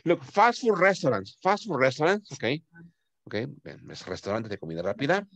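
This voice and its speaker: Man teaching English, lively pitch. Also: dry recording. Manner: patient, repeats words slowly, drifts quieter at phrase ends. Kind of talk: online class teaching, mixing Spanish and English.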